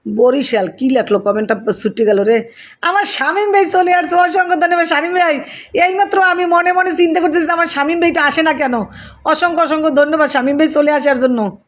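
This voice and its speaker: High-voiced woman reading live comments. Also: brisk. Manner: greets viewers by name and thanks them over and over. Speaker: live stream host.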